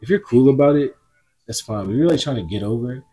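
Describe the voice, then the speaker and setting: Fast-talking young man telling stories. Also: mid-range voice, slightly rough, soft background music, poor audio. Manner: animated storytelling, acts out customers in quotes. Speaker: podcast co-host. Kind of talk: casual chat.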